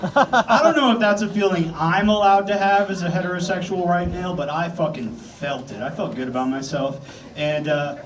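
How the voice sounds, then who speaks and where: A man from the South Shore of Massachusetts performs a crude, self-mocking stand-up set, often laughing at his own jokes as he rambles. His voice sits high for a man. He is heard from a distance on a comedy club stage. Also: normal speed, a little hiss or hum.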